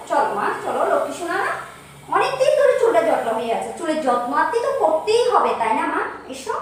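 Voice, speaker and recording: A woman's voice: very high voice, fairly bright tone, exaggerated voice. A woman acting out a kind, fussing mother-in-law in a home skit, doting but bossy. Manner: doting and bossy, calls everyone ma. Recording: echoey room, voice from far off, faint hum.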